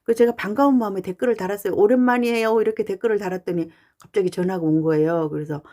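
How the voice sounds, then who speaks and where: Woman vlogger, mid-pitched and mellow, chatty and earnest monologue with frequent "uh" pauses. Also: steady tone. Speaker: fan channel YouTuber. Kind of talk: casual talking-head monologue.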